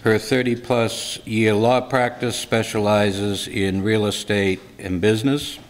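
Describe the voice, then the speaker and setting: An older man in his sixties introduces a speaker, reading slowly from notes and filling pauses with uhs. His voice is fairly low. A long hall reverb trails his words. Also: fairly even intonation. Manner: unhurried, with many uhs between phrases. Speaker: series organizer and local historian. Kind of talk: announcements and a reading of a guest introduction. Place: church hall stage before a red curtain. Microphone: stand microphone at a lectern.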